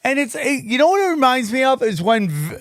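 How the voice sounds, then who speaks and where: A man hosting a podcast, talking in an animated, ranting way and swearing freely. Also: extremely high pitch, fairly quick, no room sound, clean studio sound. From Armenian family from Turkey. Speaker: podcast host. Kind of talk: casual podcast chat.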